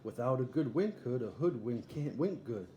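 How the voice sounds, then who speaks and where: This man, lightly acting with a mellow mid-range voice, lively intonation and a moderate pace, voices a boastful, eager boy showman who bellows like a ringmaster in a storybook. He sounds proud and showy. The muffled recording has room echo and a faint background hum of noise.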